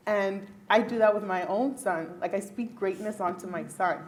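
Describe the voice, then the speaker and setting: At medium pitch and a moderate pace, a woman neurologist from the Bahamas responds during a panel discussion in a luncheon event hall. She's emphatic and sincere, and laughter comes easily to her.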